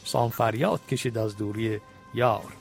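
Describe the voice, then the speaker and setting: A man storyteller who recites epic verse slowly and then retells it in plain, chatty speech. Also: on the low side, steady tone, creaky, over music. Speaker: storyteller reading an epic poem.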